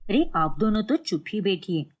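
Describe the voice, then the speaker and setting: A woman voicing a grumbling middle-aged aunt in an animated cartoon, with a complaining tone in a lower voice. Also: moderate pace.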